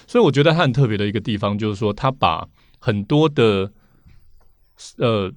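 A man's voice: lowish voice, animated, moderate pace, no echo. A man with a Taiwanese Mandarin accent speaking as an interview guest, explaining things casually and repeating phrases as he goes. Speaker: interview guest, vintage record collector.

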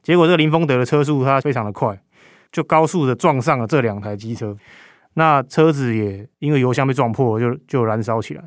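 A man's voice: mid-range voice, brisk, no echo, clean studio sound. A man with a Taiwanese Mandarin accent recounts a case conversationally as a reporter, speaking through a face mask. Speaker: crime reporter as podcast guest.

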